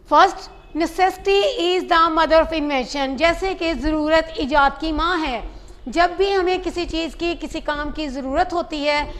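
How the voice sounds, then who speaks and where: A woman English teacher, giving a classroom lesson. She reads English sentences slowly, then explains them in Urdu and splits words into syllables. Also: very high-pitched, fairly bright tone.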